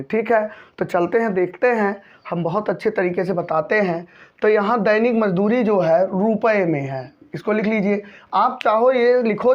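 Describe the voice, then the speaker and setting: A man teaching a maths lesson, patiently going over each step and often checking in with his students. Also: high-pitched. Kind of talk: maths lesson explaining a textbook problem. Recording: dull lo-fi recording.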